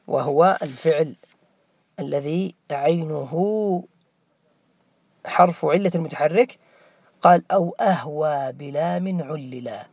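High-voiced teacher quizzing his students. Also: darkish tone, no echo. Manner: questioning, drills students by name, repeats key words. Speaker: Arabic morphology teacher. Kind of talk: interactive grammar lesson.

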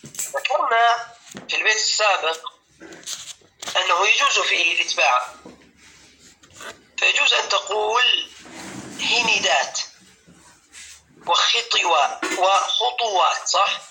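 Guy teaching a grammar class, really bright sharp voice, patient, keeps repeating stuff and asking if it's clear. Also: sits high, expressive, a little hiss or hum, poor audio. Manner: patient, repeats words slowly and checks understanding with questions. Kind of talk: explanatory classroom lesson.

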